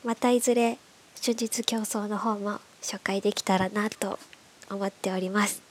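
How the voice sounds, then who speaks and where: A woman with a stuffed-up, nasal voice from hay fever, hosting a bedtime radio show in soft, breathy, casual chat that often drops toward a whisper. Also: medium pitch, steady tone, a little slow. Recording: clearly audible background hiss.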